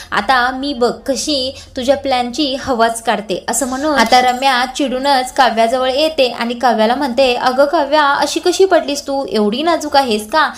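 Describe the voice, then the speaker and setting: High-voiced woman recapping a serial. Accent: Marathi. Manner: reads every character's lines in her own voice; small hesitations and restarts. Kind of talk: retelling a TV serial episode.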